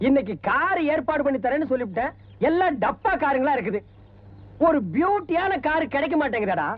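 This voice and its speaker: A loud male comic trickster, who bosses and mocks his friends in quick banter. His voice sits high and swings around a lot. It comes through a tinny, lo-fi old film soundtrack. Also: very animated. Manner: bossy, mocking, fast banter. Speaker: comic sidekick posing as a film cameraman. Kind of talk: 1990s film comedy dialogue.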